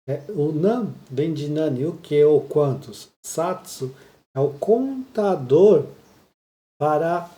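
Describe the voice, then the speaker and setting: A man's voice: on the high side, lively intonation, slow, mellow, roomy sound. A man explaining a Japanese listening lesson patiently, often checking in with his listeners. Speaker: Japanese teacher.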